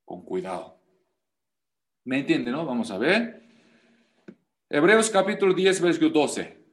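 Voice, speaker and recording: Guy preaching a sermon, slow, lifts to loud emphasis, keeps asking the crowd questions. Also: a little high. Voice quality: animated, rising to loud emphasis. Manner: non-native Spanish, emphatic repetition, rhetorical questions. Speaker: pastor.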